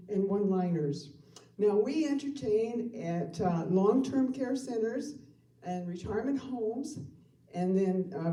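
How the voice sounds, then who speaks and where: A woman's voice: mid-range voice, dark tone. Older woman emceeing a stage show. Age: 70s. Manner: slow, deliberate delivery of one-liners. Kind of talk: live stage emcee patter with jokes. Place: performance hall for a live audience. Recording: roomy hall, mic from a distance.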